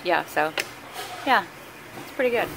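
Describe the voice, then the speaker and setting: A woman's voice: lowish voice, lively intonation, a little slow, creaky. A middle-aged woman chatting casually as she films her travels, laughing often and speaking unhurriedly. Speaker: vlogger filming her travels. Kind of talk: casual vlog narration. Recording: noisy phone audio with traffic and air conditioning.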